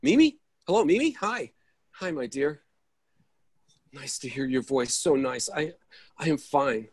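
Over a video call, a man reads the part of an exasperated, easily flustered character in an absurdist stage play, halting and repeating himself in a chatty, fretful way. His medium-pitched voice is animated, a little mellow, and husky, captured at studio quality with no echo.

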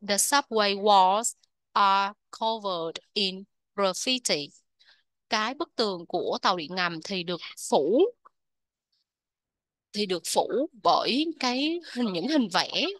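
A woman with a Vietnamese accent teaching English vocabulary, repeating each word slowly before explaining it. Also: mid-range voice, lively intonation, fairly bright tone, no room sound. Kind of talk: vocabulary lesson.

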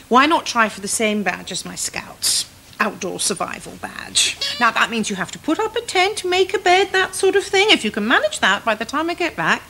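A middle-aged woman playing a brisk, fond but exasperated scout leader in a children's comedy, giving bossy, patient instructions outdoors. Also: a little high, noisy background. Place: outdoor garden set.

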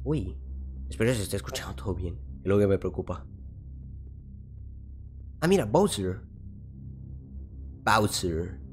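A man with a Mexican accent commenting on a horror game as he plays, jumpy and full of slang, who yells and laughs when something startles him. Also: fairly low pitch, lively intonation, unhurried, long pauses, faint music behind. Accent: Mexican Spanish. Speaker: gaming YouTuber.

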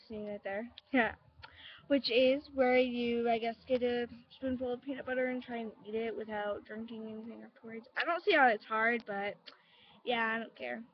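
A woman's voice: on the high side, brisk. A woman vlogger chatting casually to the camera, recorded on a webcam microphone. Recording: dull lo-fi webcam audio.

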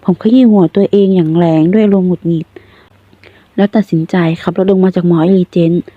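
A woman reading a romance novel aloud in a steady, unhurried way. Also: medium pitch, no room sound. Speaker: audiobook narrator. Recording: tinny phone-like sound, dry.

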